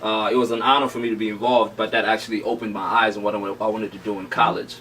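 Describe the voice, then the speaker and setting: A man's voice: lowish voice, level tone, fast, a bit bright, recorded from a distance, slight background noise, low-quality recording. A man from Malawi, an actor, talking about himself in a casual interview in an outgoing, easygoing way. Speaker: guest actor.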